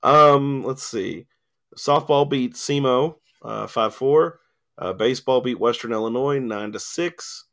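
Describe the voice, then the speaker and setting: A sports talk host with a medium-pitched, fairly bright voice runs a casual radio show from a studio at an unhurried pace, rambling with plenty of ums and fillers. He's coughing and losing his voice, and his studio mic has a cough button.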